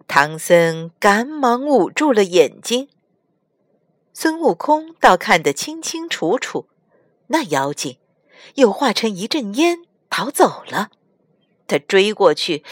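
Expressive woman reading a children's story. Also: mid-range voice, no room sound, studio quality. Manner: expressive, sing-song reading. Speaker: storyteller mother.

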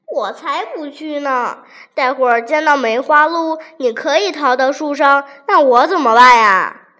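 A woman voicing a male tiger in a folk tale, speaking loudly and mocking the monkey. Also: high-pitched, unhurried. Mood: scared. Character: young male tiger, boastful then scared.

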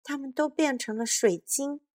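A woman voicing a brave, hot-tempered young hen girl in a storybook, shouting defiantly. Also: high-pitched, moderate pace, pitched above the performer's own voice, natural voice. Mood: protesting.

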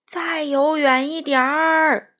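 A woman voicing a lost baby whale, a huge and tearful young male creature who speaks slowly and loudly, drawing his words out. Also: medium pitch. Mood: patient. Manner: slow, loud and drawn out.

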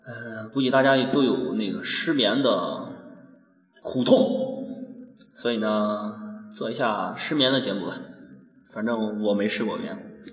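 A man's voice: lowish voice, a little slow. A young man, hosting a casual chat in a joking, teasing manner. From Guanzhong, Shaanxi, China. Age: young adult. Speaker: host of a student audio show. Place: small empty classroom, indoors. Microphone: basic recording equipment. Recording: echoey reverberant classroom. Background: loud background music.

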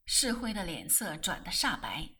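A woman reading a novel aloud in expressive, animated storytelling narration. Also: on the low side, moderate pace, breathy edge. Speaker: audiobook reader.

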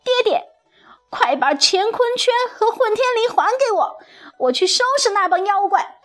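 A bold storybook boy hero, hot-tempered and fierce, put on by a woman. His voice rings very high and leaps all over the place. Soft music plays behind. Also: sing-song, moderate pace. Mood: fierce urgent.

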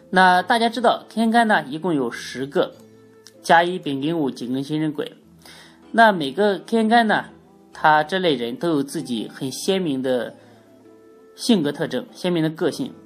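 A woman with a stuffy, congested nose from a cold gives an explanatory spoken lesson as the host, phrasing her points emphatically. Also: low voice. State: has a cold. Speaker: teacher of Chinese astrology, hosting an audio programme.

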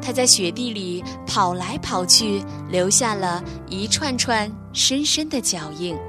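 A young woman telling a children's bedtime story in a gentle, expressive reading voice. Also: medium pitch, a little slow, over music.

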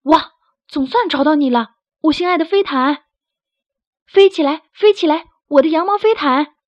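A woman voicing an eager, proud young male sheep in a storybook, calling out excitedly. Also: high voice, moderate pace, no room sound, voice pushed up. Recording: dry, slightly dull recording.

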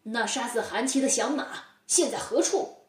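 A man's voice: very high-pitched, normal speed, roomy sound, far from the mic. A woman voicing an arrogant young male noble in a children's storybook tale, haughty and blustering.

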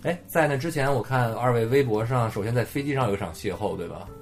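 A man's voice: mid-range voice, fast talker, faint music behind. A man hosting a casual Chinese podcast chat with guests. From China. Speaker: podcast host.

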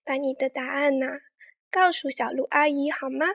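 A woman narrating a picture book for children as the show's storyteller, speaking gently and coaxing young listeners. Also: sits high, flat delivery, normal speed, gravelly. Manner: warm, coaxing tone addressing children.

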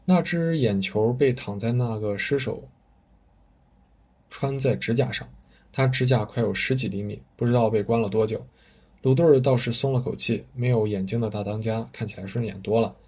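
A man's voice: mid-range voice, moderate pace, a little mellow, husky. A man telling a story with vivid, dramatic narration. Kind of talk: spoken storytelling.

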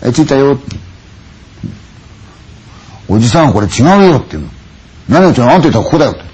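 A man's voice: medium pitch, sing-song, quick pace, a little mellow, a little hiss or hum. A man telling a ghost story dramatically, full of sound effects and acted-out voices.

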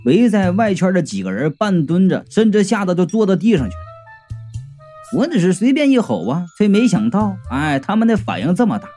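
A man telling a comic story, high-pitched and wildly expressive, tossing in exclamations. Faint music plays behind his voice. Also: moderate pace. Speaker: narrator. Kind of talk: humorous storytelling audiobook.

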